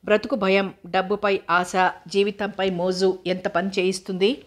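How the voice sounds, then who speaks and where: A woman reading a novel aloud in a steady, even voice. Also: mid-range voice, normal speed. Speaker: audiobook narrator.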